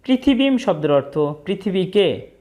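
A woman teaching the pronunciation of Sanskrit verses, speaking slowly and deliberately and chanting each verse. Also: fairly low pitch, sing-song, mellow. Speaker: scripture teacher.

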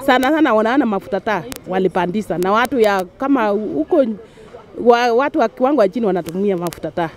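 A woman's voice: medium pitch, lively intonation, fast talker. A woman with a Kenyan accent answering matter-of-factly in an outdoor street interview, with a handheld mic. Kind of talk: vox pop street interview.

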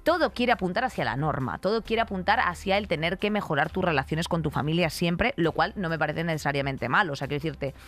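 Speaking into a desk-stand studio mic in a radio-style podcast studio, this co-host is a Spanish-accented woman in her thirties who delivers blunt, rambling, colloquial opinions. Her low, slightly bright voice has lively intonation, and she talks fast with few pauses. Soft music plays in the background.

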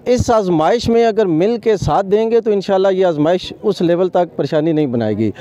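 A man speaks earnestly and formally in a high, warm voice. The audio is slightly dull, caught on a handheld mic outdoors at a cricket ground. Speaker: guest organizer. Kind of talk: on-the-spot interview. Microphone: handheld reporter mic.

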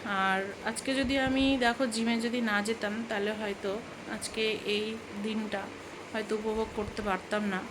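A woman's voice: a little high, steady tone, measured pace. A woman in her thirties from Bengal, chatting casually and rambling in a home vlog, now and then soothing a toddler. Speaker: vlogger. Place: home room with fans running. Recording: noisy home phone recording.

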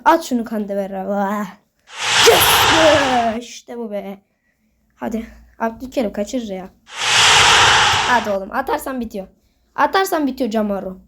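A high-pitched woman talks her way through a football manager game. She is excitable and keeps scolding the players on screen. She also chats to her viewers as if they were friends. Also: very noisy. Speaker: gaming video host. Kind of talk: casual gameplay commentary.

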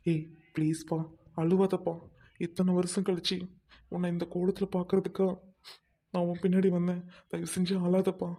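Woman playing a devoted lovelorn man, low and flat. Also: normal speed, pauses often. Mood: tender. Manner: soft, consoling, earnest. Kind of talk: amateur drama acting.

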